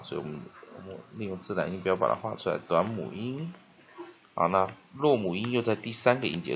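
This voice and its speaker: Low-voiced man teaching pronunciation drills. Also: highs cut off, a little hiss or hum. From Taiwan. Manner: drills words slowly syllable by syllable, then reads aloud loudly. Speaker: English teacher. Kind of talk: spelling and pronunciation lesson.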